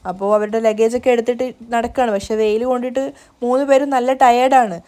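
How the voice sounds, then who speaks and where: A woman's voice: fairly high pitch, fairly even intonation, fast, warm tone. A young woman casually retelling a serial's story, narrating plainly with some restarts.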